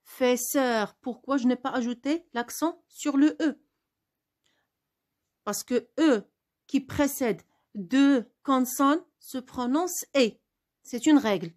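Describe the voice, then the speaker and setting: A woman's voice: sits high, slow pace, darkish tone. A woman teaching a spelling lesson, spelling words out letter by letter and asking questions she answers herself.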